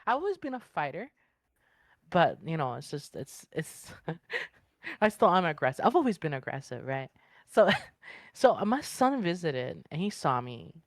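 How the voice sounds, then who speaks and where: A woman's voice: low voice, measured pace, no echo, clean studio sound. A woman guest on a casual podcast, telling her story candidly with lots of fillers and acting out what others said. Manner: animated storyteller who acts out quoted speech; blunt and candid, with frequent filler words. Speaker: interview guest.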